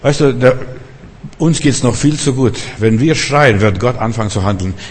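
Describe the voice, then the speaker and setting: A male preacher delivers an emphatic sermon, hammering points through repetition and climbing into fervent shouts. His middle-pitched voice carries a long reverb from a church hall. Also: moderate pace, husky.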